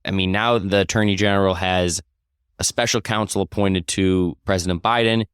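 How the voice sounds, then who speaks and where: A man's voice: low voice, fairly even intonation, moderate pace, a bit bright, smooth, dry recording, studio quality. A man co-hosting a political podcast, talking confidently and with emphasis. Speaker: podcast co-host.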